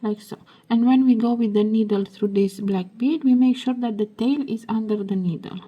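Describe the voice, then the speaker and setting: A woman hosting a beading tutorial, giving soft step-by-step instructions, her voice hoarse as if she is losing it. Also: a little high, highs cut off. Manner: soft, slow, half-whispered while working.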